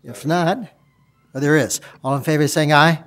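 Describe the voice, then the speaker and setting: A man chairing a city council meeting as mayor, moving through motions and votes in a brisk procedural manner. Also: a little high, a bit bright. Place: council chamber, indoors.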